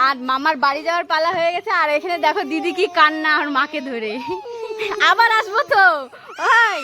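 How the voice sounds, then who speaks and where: High-pitched, lively mother vlogging. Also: background noise. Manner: animated, playful scolding of children. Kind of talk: casual family vlog.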